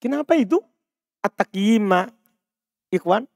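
A man's voice: sits high, animated, a little slow, a little mellow, no echo, clean studio sound. A man teaching an Arabic grammar reading class, quizzing students by name and explaining patiently. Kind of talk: classroom text-reading lesson. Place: mosque study circle.

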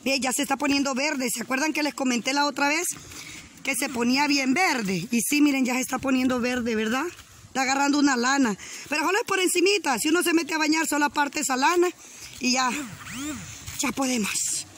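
A woman's voice: high voice, a little fast, fairly bright tone, slight background noise. A Honduran woman chatting and teasing as she films a walk along a rural riverbank, laughing often. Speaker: vlogger. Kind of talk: casual walking vlog. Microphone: handheld camera while walking.

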